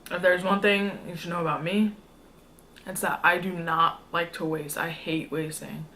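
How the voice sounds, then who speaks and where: A woman's voice: on the low side, fairly even intonation, normal speed, sharp tone, slight background noise. A young woman chatting casually to her viewers as a food vlogger, in an informal, slangy, rambling way. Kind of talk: casual mukbang chat to viewers.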